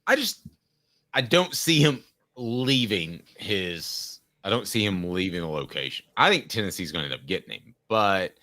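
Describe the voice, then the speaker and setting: A man hosting a sports talk show, chatting casually and thinking aloud in a measured way. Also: low-pitched, big pitch swings, pushed and bright, dry recording, studio quality.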